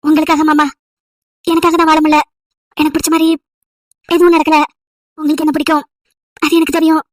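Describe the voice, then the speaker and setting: A woman's voice: sits high, little pitch movement, a little fast, dry recording. A woman storyteller voicing a sad, devoted young wife who pleads earnestly and tenderly. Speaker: storyteller voicing all parts.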